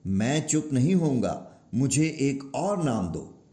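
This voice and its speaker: A man's voice: medium pitch, big pitch swings, warm tone, roomy sound. A man voicing a stubborn wailing divine boy. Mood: defiant. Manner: slow, insistent, defiant. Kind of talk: storybook narration.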